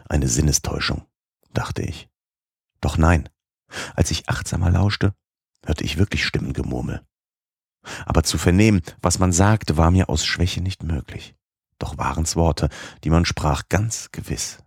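Man narrating an audiobook, deep, close dry mic, dramatic and measured. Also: darkish tone, husky, no echo. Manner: measured, dramatic first-person reading.

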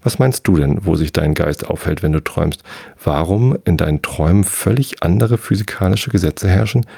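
A man's voice: sits low, animated, moderate pace, vocal fry, mellow, breathy edge, no room sound, full character voice. A man voicing a bitter, sleepless nightmare gnome in a bedtime story reading, lecturing in a condescending way.

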